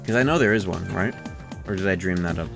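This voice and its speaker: A man's voice: sits low, quick pace, gravelly, over music. A man streaming a video game, chatting casually and rambling into rants with plenty of swearing. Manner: rambling, ranty, swears freely. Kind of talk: casual livestream chat.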